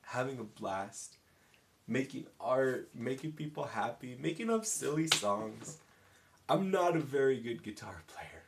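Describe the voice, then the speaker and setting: A man in his twenties, a live streamer, chatting casually and rambling to his viewers in an upbeat way, often dropping to a soft near-whisper. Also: medium pitch, lively intonation, measured pace, slight background noise. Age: 20s.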